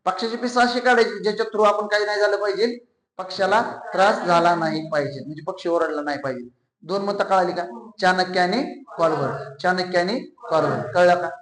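A man's voice: high-pitched, fairly quick, a bit bright. A man teaching a class, drilling his students by asking the same questions again and again and waiting for their answers. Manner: repeats questions to the class, call-and-response. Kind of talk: classroom lecture. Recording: echoey classroom.

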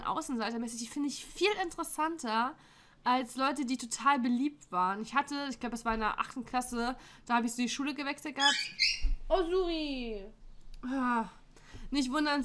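Young woman, fairly high voice, blunt chatty quiz-reaction vlogger who laughs easily, at home on a desk mic. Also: fairly bright tone. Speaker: YouTuber. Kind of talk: casual chat reacting to an online quiz. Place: home room with window open. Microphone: desk microphone.

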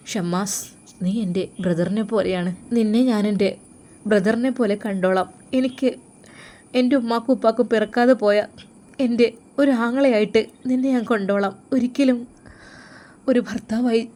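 Brief: woman doing a sorrowful devout young woman, mellow tone, faint hiss behind. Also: mid-range voice, natural voice. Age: young adult. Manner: earnest, tearful pleading. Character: heartbroken young woman, devout and self-sacrificing. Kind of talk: storytelling role voice.

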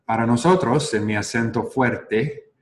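A man teaching pronunciation to Spanish speakers, speaking slowly and repeating words for listeners to echo. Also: mid-range voice. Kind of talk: bilingual pronunciation lesson. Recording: roomy echo.

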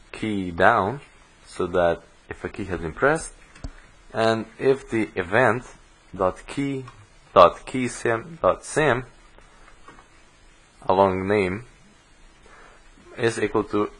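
Slow, low-voiced man explaining code. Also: a bit bright. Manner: slow, step-by-step explaining while typing code. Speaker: programming course instructor. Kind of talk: screen-recorded coding tutorial. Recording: low-quality audio.

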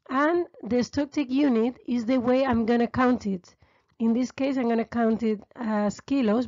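A woman's voice: a little high, a little mellow, dry recording, muffled recording. A woman teaching restaurant stock-taking over a screen recording, explaining steadily with frequent fillers. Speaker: restaurant finance tutor. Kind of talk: screen-recorded spreadsheet tutorial.

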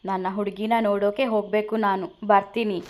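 A woman's voice: mid-range voice, flat delivery, fairly quick, close to an everyday voice. A woman voicing a young man who brushes off his friend's worries with offhand advice. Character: young man, teasing, bossy best friend.

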